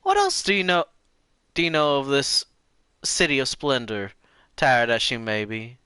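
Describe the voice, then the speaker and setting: A man's voice: medium pitch, very animated, unhurried, bright, forceful tone, smooth, no echo, studio quality. A man putting on the voice of a kindly, chatty elderly woman in a game playthrough. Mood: coaxing.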